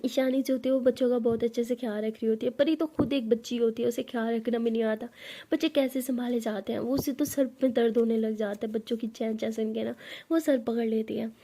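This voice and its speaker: Woman telling a love story, chatty, high pitched and mellow. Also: level tone, quick pace. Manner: chatty, with asides to the listener. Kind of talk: casual storytelling narration.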